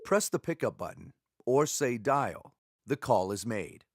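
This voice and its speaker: A man's voice: medium pitch, lively intonation, a little slow, slight background noise. A man giving neutral, scripted step-by-step instructions as a video narrator. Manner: clear, neutral, procedural delivery. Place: dry studio voice-over.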